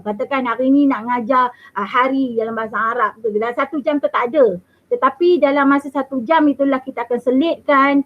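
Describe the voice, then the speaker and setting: A woman in her fifties with a Malaysian accent, a mathematics teacher answering interview questions in a firm, emphatic way. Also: sits high. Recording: tinny phone-like call audio.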